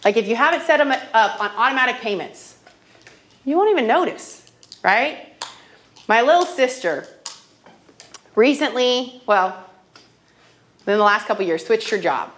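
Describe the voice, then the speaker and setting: A woman's voice: a little high, lively intonation, a little slow, long pauses, a bit bright. Chatty woman teaching a money class. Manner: storytelling, checks in with frequent "okay?". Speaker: financial literacy trainer. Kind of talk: classroom workshop talk.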